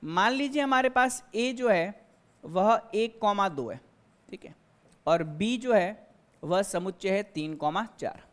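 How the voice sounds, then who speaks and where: A woman's voice: mid-range voice, slow. A woman math teacher giving a classroom lecture, explaining step by step and asking and answering her own questions. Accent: Hindi-speaking Indian.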